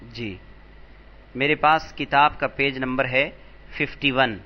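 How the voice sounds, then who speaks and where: A man teaching an Arabic grammar lesson, patient and slow, repeating each word for emphasis. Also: mid-range voice, muffled recording. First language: Urdu. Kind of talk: lecture explaining vocabulary.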